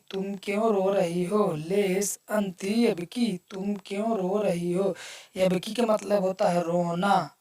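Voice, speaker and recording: A woman gives a phrase lesson at an unhurried, measured pace, at a middling pitch. She repeats each phrase and then explains it word by word. Her voice sounds set back from a distant microphone. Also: a little mellow. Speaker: language teacher. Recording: voice distant from the mic.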